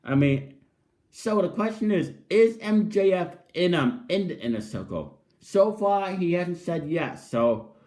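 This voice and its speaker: A man's voice: high voice, animated, unhurried, darkish tone. A man giving a casual spoken review of a wrestling show as an enthusiastic fan, often repeating and restarting his phrases.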